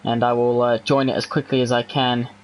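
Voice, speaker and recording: A man's voice: mid-range voice, flat delivery, fairly quick, low-quality recording. A man presenting live motorsport commentary in a conversational style. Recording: clear background noise.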